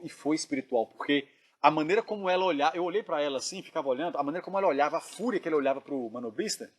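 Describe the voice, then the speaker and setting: A man earnestly retelling a dream in casual storytelling, often dropping his voice to a hush. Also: a little high. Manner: earnest, drops to hushed tones when reliving tense moments. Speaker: dream narrator.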